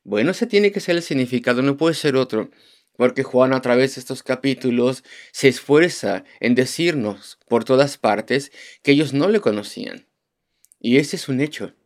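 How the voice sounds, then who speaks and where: A man delivers an expository sermon at an ordinary middle pitch. He works through the passage verse by verse, circling back to key phrases to drive them home. Now and then he puts rhetorical questions to his listeners. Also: expressive, normal speed. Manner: teaching, repeats key phrases for emphasis; poses rhetorical questions to the congregation. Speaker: pastor.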